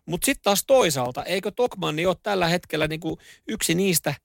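A man's voice: high voice, vocal fry, no echo, clean studio sound. A man hosting a radio morning show, telling stories in casual chat with lots of fillers and restarts. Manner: animated storytelling, acts out shouts in the story.

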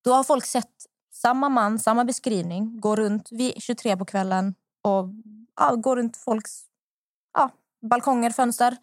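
A young woman hosting a podcast, telling a personal story in a lively, animated way. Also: on the high side, no room sound, studio quality. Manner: animated anecdote-telling, acts out what others said. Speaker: podcast host. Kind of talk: casual storytelling.

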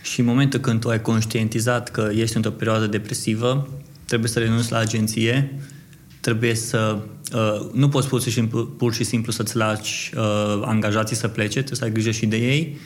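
A man's voice: on the low side, little pitch movement. A Romanian man hosting a podcast, thinking aloud in long, winding questions. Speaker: podcast host. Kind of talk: conversational interview.

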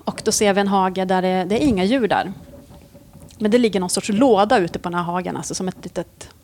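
A woman's voice: medium pitch, a little hiss or hum. A woman, a police officer, animatedly telling a story in casual conversation and swearing freely. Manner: lively, swears freely, acts out scenes.

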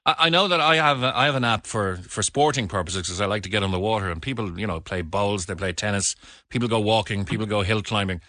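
A man's voice: on the low side, fast talker, sharp tone, dry recording, clean studio sound. An Irish man presenting a radio phone-in in a conversational style. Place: dry radio studio.

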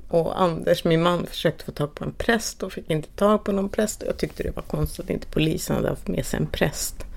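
A middle-aged woman speaking haltingly and with quiet emotion as she recalls a personal loss. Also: sits low, creaky. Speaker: bereaved mother interviewed. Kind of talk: personal recollection.

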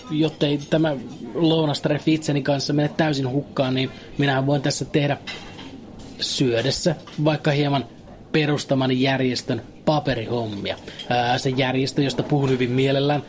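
A man delivering a deadpan, absurd comic monologue in a dry, matter-of-fact way, with hesitant fillers. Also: medium pitch, slight background noise.

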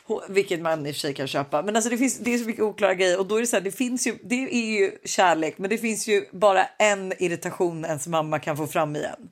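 A woman co-hosting a podcast in casual chat, expressive and playful, exclaiming often. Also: medium pitch, hardly any pauses. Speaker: podcast co-host.

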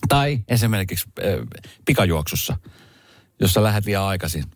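A man hosting a casual radio chat, telling stories in an animated way with sudden jumps in pitch for emphasis. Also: gravelly, dry recording, clean studio sound. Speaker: radio host.

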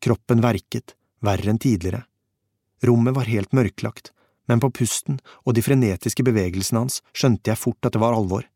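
Low, dark-voiced male audiobook narrator. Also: dry recording, clean studio sound. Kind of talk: scripted first-person audiobook narration.

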